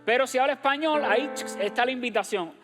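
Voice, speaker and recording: A pastor from Cuba speaks, giving church announcements in a direct, encouraging way. He addresses the listeners as brothers and sisters. Soft instrumental music plays faintly behind him in the sanctuary. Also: very high-pitched, quick pace.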